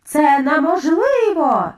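A woman's voice: high-pitched, very animated, slow pace, pitched above the performer's own voice, heavily acted. A woman doing screeching frenzied witches. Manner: screeching, squealing in disgust. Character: crowd of frenzied female witches.

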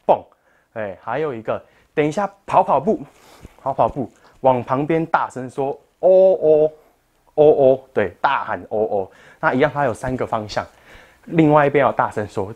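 A man with a Taiwanese Mandarin accent, teaching a parent-child exercise class and patiently explaining each move to parents. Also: mid-range voice.

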